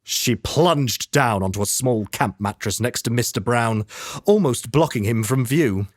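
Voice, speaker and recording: A male voice actor giving measured, expressive scripted narration and ad reads, recorded in a studio. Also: medium pitch, dry recording. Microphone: studio microphone.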